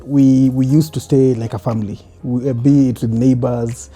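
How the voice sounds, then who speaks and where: A man in his thirties with a Kenyan accent, talking about his past in a relaxed, reflective way. His voice is very dark and mellow, with frequent easy laughter. Faint music plays underneath. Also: medium pitch, moderate pace. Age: 30s. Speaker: guest. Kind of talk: casual interview.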